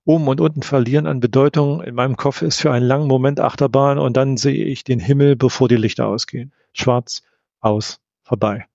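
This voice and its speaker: A man narrating a first-person audiobook in a measured storytelling manner. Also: medium pitch, fairly even intonation, creaky, darkish tone, no room sound. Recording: dull, slightly lo-fi.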